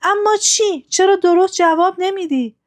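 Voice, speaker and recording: A woman's voice: lively intonation, a little mellow, close to an everyday voice. Woman voicing a distraught noble mother. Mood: angry. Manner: high, cried-out, demanding lines. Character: grieving noble young mother, quick to anger.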